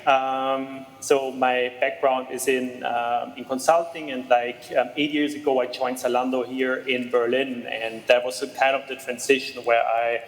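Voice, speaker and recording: In a conversational remote interview, a male Austrian startup co-founder responds hesitantly, with frequent fillers and restarts. He speaks in a mid-range voice with little pitch movement, unhurried and with few pauses. The sound is big-room and the recording rough.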